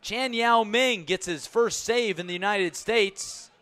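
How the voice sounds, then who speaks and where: A man with a high voice calls baseball for radio, taking it slowly despite his clipped, punchy phrasing. The sound is clean and fairly bright, close on a broadcast mic, as he delivers live play-by-play.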